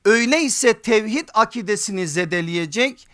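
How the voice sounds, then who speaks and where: Preacher man at a pulpit microphone, high and bright. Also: lively intonation, moderate pace. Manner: emphatic, repeats points and checks with rhetorical questions. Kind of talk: sermon.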